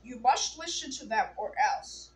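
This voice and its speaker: A woman's voice: a little high, lively intonation, unhurried, roomy sound, a little hiss or hum. A woman voicing a weird boy dressed as a werewolf, speaking in a spooky, mysterious way.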